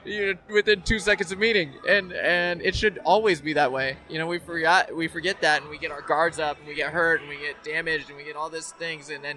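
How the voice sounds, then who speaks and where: A man with a bright, forceful voice, pitched a little above the usual for men, chats earnestly on a live podcast. He rambles and restarts his sentences again and again. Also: steady tone, a little fast, few pauses. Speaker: guest. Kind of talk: casual chat. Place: live event venue.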